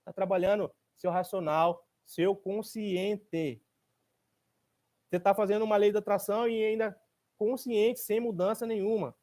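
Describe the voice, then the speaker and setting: A man's voice: high voice, steady tone, a little slow, a little mellow. A man, a therapist giving a workshop talk to an audience. He speaks emphatically and colloquially, firing rhetorical questions, answering them himself and repeating his points for stress.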